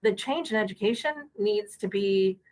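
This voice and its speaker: A woman's voice: mid-range voice, moderate pace, a little mellow, poor audio. A middle-aged woman speaking as a podcast guest on school technology, earnest and casual, full of fillers and restarts.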